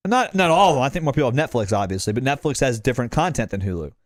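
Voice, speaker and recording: Fast, animated podcast man ranting. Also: medium pitch, no echo, studio quality. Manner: quick, animated, profane ranting. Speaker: podcast co-host. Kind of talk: casual chat.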